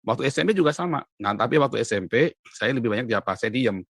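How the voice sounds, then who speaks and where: A man giving an animated interview testimony as an evangelist, emphatic and often rising sharply in pitch and loudness, addressing the host respectfully. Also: fast, breathy edge, dry recording. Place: Europe.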